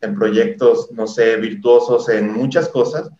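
A man's voice: lowish voice, steady tone, slow pace, mellow, echoey room, highs cut off. A male host, speaking reflectively in casual chat.

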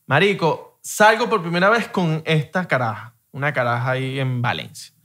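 A man's voice: fairly high pitch, normal speed. A young man with a Venezuelan accent and a slightly raised voice talks casually. He tells his stories in slang and with lots of energy. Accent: Venezuelan Spanish. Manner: slangy, animated storytelling. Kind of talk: casual chat.

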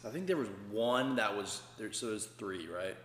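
A man's voice: fairly low pitch, lively intonation, normal speed, a bit bright. A young man co-hosting a casual podcast, giving short, laid-back answers. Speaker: podcast co-host. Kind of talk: casual chat. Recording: echoey room with long reverb, faint hum.

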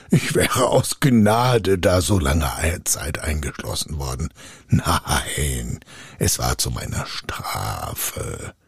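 A man voicing a huge boastful male bottle spirit in a storybook reading, with gravelly, husky threats and whining pleas. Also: low voice, dry recording, studio quality, voice pushed down, full character voice.

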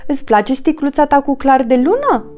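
A woman voicing a small, kindly and generous hedgehog in a children's storybook, in an eager, warm manner. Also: high-pitched, big pitch swings, faint music behind, pitched above the performer's own voice. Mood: gentle.

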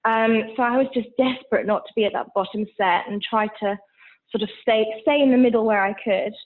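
A woman's voice: fairly high pitch, a little fast. A woman in her thirties from Switzerland with a mixed international English accent, chatting candidly as an interview guest, with many fillers. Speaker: guest, founder of a business. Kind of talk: casual interview. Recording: tinny phone-like line.

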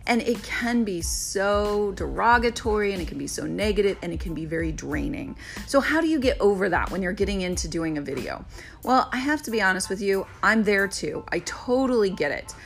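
A woman's voice: mid-range voice, vocal fry. Woman podcast host just chatting, upbeat coaching vibe, bit of music under it. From Florida. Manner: chatty, encouraging, asks "right?" often. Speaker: real estate agent and video coach. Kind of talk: casual solo podcast talk.

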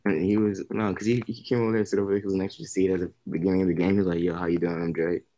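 A man's voice: sits low, flat delivery, very fast, mellow, dry recording. A young man in casual chat with friends, telling stories in a laid-back way.

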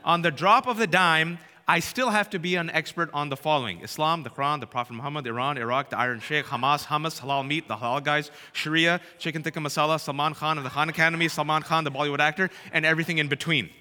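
A man, telling comic stories to a live audience and shouting out punchlines. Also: on the high side, fairly even intonation, fast talker, few pauses. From Bay Area, California. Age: 30s. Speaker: speaker. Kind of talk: comic storytelling talk. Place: large hall with live audience. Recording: reverberant hall.

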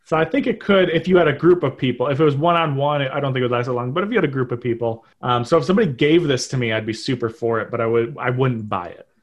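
A man's voice: medium pitch, fast, few pauses. A man speaking as a panelist in a casual discussion, rambling and hedging as he restarts his sentences.

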